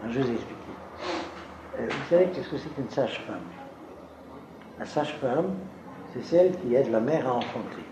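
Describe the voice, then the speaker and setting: A male Torah teacher in a roomy, echoing space, with steady noise running behind his voice. He reads Hebrew verses aloud and then explains them in a relaxed, conversational way, teasing his class as he goes. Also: mid-range voice, moderate pace, pauses often, muffled recording. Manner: teasing, conversational, jokes with listeners. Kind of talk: lecture to a live class. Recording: echoey room with background noise.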